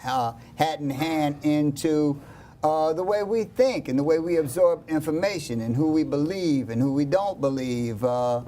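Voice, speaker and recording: A man on a studio panel who talks in a hesitant way, with many pauses and restarts. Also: on the high side, expressive, dark tone, slight background noise. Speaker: host.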